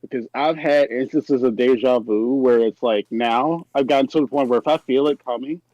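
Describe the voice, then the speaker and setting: A man from New York co-hosts a live stream podcast, casually sharing personal stories and circling back to rephrase things. His medium-pitched voice is a little mellow at a moderate pace, on a dry recording with the highs cut off.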